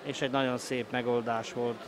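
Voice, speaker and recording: A man giving excited, openly partisan live play-by-play sports commentary as he roots for his team. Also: medium pitch. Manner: excited, breaking into shouted goal calls. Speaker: sports commentator of a water polo match. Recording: noisy live sports venue ambience.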